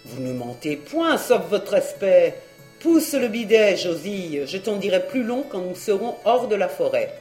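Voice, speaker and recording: A woman voicing a boisterous, tipsy peasant man in an audiobook, exclaiming loudly in rustic speech. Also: medium pitch, sing-song, measured pace, roomy sound, faint music behind. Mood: hearty. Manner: loud exclaiming rustic talk. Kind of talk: audiobook character reading.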